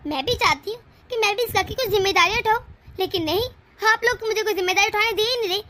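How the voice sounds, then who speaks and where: A woman's voice: very high voice, quick pace, bright, forceful tone. A woman voicing a scheming young daughter-in-law in a cartoon, speaking in a sweet but demanding way. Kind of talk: cartoon voice acting.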